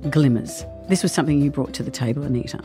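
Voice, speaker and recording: A woman hosting a chatty podcast, her voice hoarse and croaky as if with a frog in her throat. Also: a bass voice, fast, music in the background. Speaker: podcast host. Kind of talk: conversational podcast chat.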